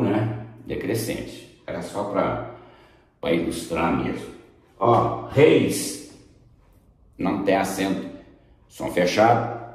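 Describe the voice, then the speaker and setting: Guy teaching grammar, really low voice, tons of echo. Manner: emphatic, repeats words, checks in with students. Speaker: Portuguese teacher. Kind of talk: classroom grammar lesson. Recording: very echoey room.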